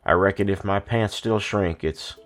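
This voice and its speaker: A man's voice: fairly low pitch, moderate pace, soft background music. An American man hosting and reciting cowboy poetry in a folksy, wry, plain-spoken storytelling style.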